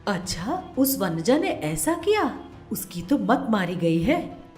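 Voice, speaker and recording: A stern middle-aged mother-in-law in a cartoon story, as a woman puts her on, her voice dropped low and firm. She talks with a dry, mocking edge, and a roomy echo hangs around her. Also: very animated, slow pace, a little mellow, faint music behind. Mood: consoling. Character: scolding middle-aged mother-in-law, suspicious but protective.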